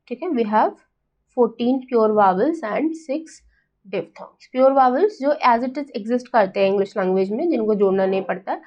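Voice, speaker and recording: A woman from India teaching an exam-prep lesson, mixing Hindi and English with an Indian accent, talking slowly and deliberately and often checking whether students have understood. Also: fairly high pitch, a little mellow. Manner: slow, deliberate, checks understanding with "right?" and "got it?".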